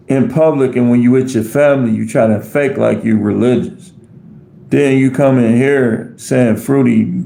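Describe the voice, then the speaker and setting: A man's voice: medium pitch, creaky, warm tone, reverberant. An American man hosting a live stream, rambling casually as he answers viewer comments off the cuff. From United States. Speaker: livestream host reading chat.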